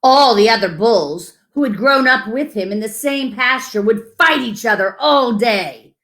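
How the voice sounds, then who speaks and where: A woman with a fairly high voice reads a picture book aloud to children at story time. Her delivery is expressive, gentle and deliberate, and she pauses for asides about the pictures.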